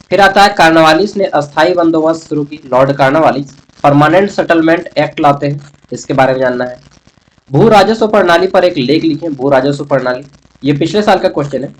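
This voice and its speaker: An online teacher with a slightly high voice gives an instructional exam-prep lecture, explaining things point by point and often adding check-in tags. The recording quality is low.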